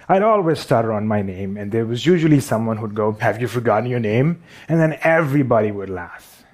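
A man's voice: on the low side, darkish tone, husky. Pakistani-accented guy giving a talk, wry, self-deprecating jokes. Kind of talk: storytelling conference talk.

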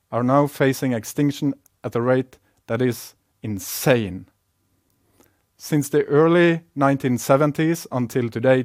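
A man from Norway with a Norwegian accent, giving a calm, reflective prepared talk with measured pauses. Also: mid-range voice, dry recording, clean studio sound.

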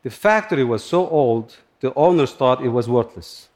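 A middle-aged man from Turkey, speaking halting in short phrases as he tells a personal story on stage. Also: mid-range voice, expressive, a little mellow. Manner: plain, halting non-native English with short phrases. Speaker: speaker giving a talk.

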